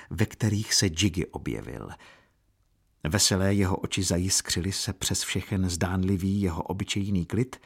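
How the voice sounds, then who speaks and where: A man reading a novel aloud as narrator in a steady, measured way. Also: lowish voice, breathy edge. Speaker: audiobook narrator. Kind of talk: scripted narration.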